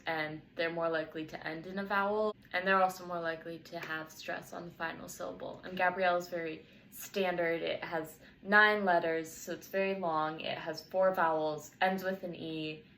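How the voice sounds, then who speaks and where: A young woman with a fairly low voice conducts a student interview. She reads her prepared questions and explanations carefully, as if working from notes, with a faint hiss behind her. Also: vocal fry, a bit bright, low-quality recording.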